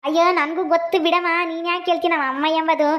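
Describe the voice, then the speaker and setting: A simple-minded grown village son, acted by a woman, who coaxes and pleads with his mother. His voice is very high and his words come quickly. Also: flat delivery, a bit bright. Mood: coaxing. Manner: coaxing, pleading.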